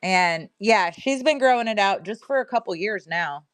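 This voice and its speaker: A woman's voice: mid-range voice, lively intonation, normal speed, smooth, no room sound. A middle-aged woman with a Missouri accent, casually telling a rambling story while selling items on a livestream. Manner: chatty, rambling, reads viewer comments aloud. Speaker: livestream seller.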